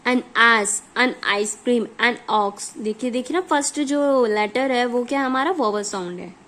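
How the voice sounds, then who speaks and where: Woman teacher, unhurried, patient grammar explainer, slightly high pitch. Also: fairly bright tone. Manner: explains patiently, reads example sentences slowly. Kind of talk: grammar lesson.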